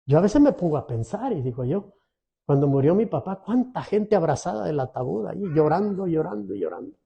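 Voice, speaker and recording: A man's voice: high voice, lively intonation, fairly quick, creaky, husky, dull audio. A middle-aged man preaching a sermon as pastor, earnest and pleading, often asking his congregation questions.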